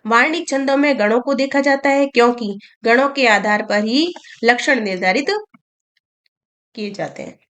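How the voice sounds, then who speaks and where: A woman teaching a grammar lesson to students, explaining slowly and repeating key terms as she asks and answers her own questions. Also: fairly high pitch, a bit bright.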